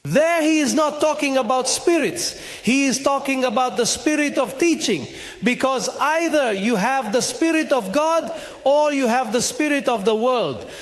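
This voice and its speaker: A man's voice: very high voice, animated, moderate pace. A man preaching a sermon at a church conference, emphatic and full of rhetorical questions.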